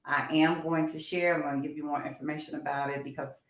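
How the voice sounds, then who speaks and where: A woman in her fifties co-hosts a casual music talk livestream, speaking animatedly and encouragingly straight to her viewers. Her voice is low with a level tone, and she talks fast. The sound is roomy and echoey.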